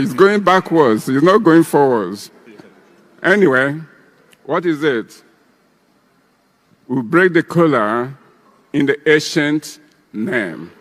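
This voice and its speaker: In a large hall, an Igbo elder from Nigeria in his eighties gives a ceremonial speech while breaking kola nut. His voice is fairly high and somewhat bright, and he rambles and repeats himself.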